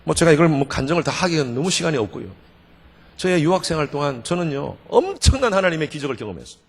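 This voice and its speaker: A middle-aged Korean pastor telling a personal testimony in a revival sermon, animated, swinging between loud outbursts and quiet asides. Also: male voice, fairly high pitch, quick pace, vocal fry. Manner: storytelling, animated, with sudden shouts and quiet asides. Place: church sanctuary. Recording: church hall with long reverb.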